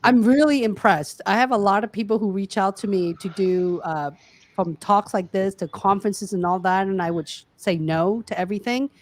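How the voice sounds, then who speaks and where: A woman career coach speaking casually and frankly on a video call, animated and calling out her listeners. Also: medium pitch, normal speed. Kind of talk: casual webinar talk.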